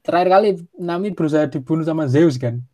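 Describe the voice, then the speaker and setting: A man's voice: a little high, fast, warm tone. A man chatting casually, mostly giving short agreeing replies and asking follow-up questions. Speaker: podcast co-host. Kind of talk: casual chat.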